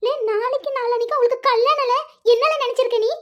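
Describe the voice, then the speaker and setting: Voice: very high voice, steady tone, fast, a bit bright, dull audio. A performer voicing a domineering, money-minded middle-aged mother in a cartoon, scolding her son in a bossy, colloquial way. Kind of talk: cartoon voice acting.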